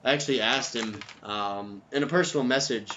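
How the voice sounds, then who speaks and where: A man's voice: mid-range voice, brisk, pushed and bright, dull audio, a little hiss or hum. Rambling man commentating a football video game. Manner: rambling, full of ums and tangents. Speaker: gameplay commentator. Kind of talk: casual gameplay commentary. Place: at home, neighbor's music nearby.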